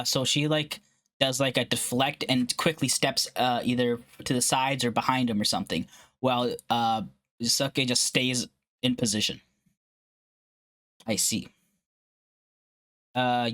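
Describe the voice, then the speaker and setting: A man's voice: mid-range voice, fairly bright tone. A male gaming channel host who reads a combat guide aloud and reacts to it, often stumbling with uhs and correcting himself mid-word. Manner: halting reading with frequent uhs and self-corrections. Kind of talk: reading an article aloud and reacting.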